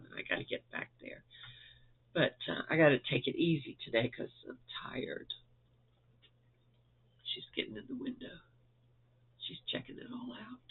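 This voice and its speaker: A slightly high, husky male voice with vocal fry belongs to a crochet vlogger from Florida who is stuffed up and losing his voice. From inside his home he gives viewers a rambling, conversational update, chuckling throughout. Sound quality is thin and phone-like.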